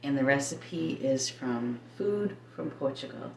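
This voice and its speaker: A middle-aged woman chats casually and thinks aloud in a rambling way while demonstrating home cooking indoors in her home kitchen. Her voice is extremely low and darkish, with lively intonation and an unhurried pace. The camera sits a little away, giving a roomy, distant sound with faint noise and kitchen clatter.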